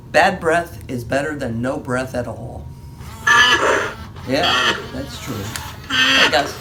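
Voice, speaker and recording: A woman reads a children's picture book aloud for storytime, expressive and full of dramatic pauses and sudden whispers. Her pitch is extremely low, and the audio quality is poor.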